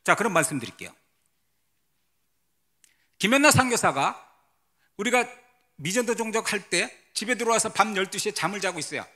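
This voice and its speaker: Animated, bright-voiced Korean missionary man preaching. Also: high-pitched, normal speed, pauses often. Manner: dramatic storytelling, asks the congregation questions. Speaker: missionary pastor. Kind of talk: testimony sermon at a weekday church service. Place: church sanctuary.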